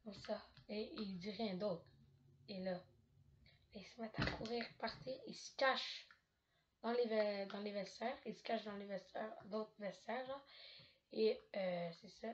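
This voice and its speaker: A woman's voice: medium pitch, a little slow, lo-fi sound, slight background noise. A woman hosting a live stream, telling a spooky story casually with many hesitations and joking asides. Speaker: livestream host. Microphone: home streaming mic.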